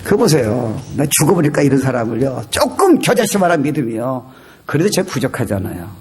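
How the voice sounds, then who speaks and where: A male pastor preaching a sermon, animated and exhorting, who breaks into shouted quotes and slips in English phrases. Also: mid-range voice, brisk. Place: church.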